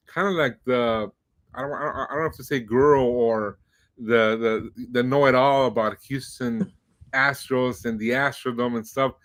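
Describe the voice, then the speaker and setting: A middle-aged man hosting a podcast, introducing his guest in a rambling, casual way full of fillers. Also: medium pitch. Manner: warm-hearted, rambling, many fillers. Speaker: podcast host. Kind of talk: casual interview.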